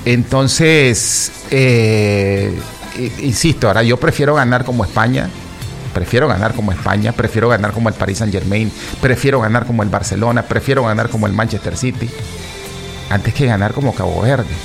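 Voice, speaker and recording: A football commentator with a lowish, slightly creaky voice talks at a normal speed over faint music. He rambles through his opinions for his regular listeners, calling them "chicos," repeating himself and restarting often amid plenty of fillers. It's casual opinion talk.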